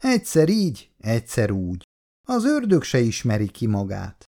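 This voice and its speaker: A man reading aloud voices a gentle, hardworking older mother in a storybook, raising his voice a little and speaking mildly. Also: medium pitch, wildly swooping pitch.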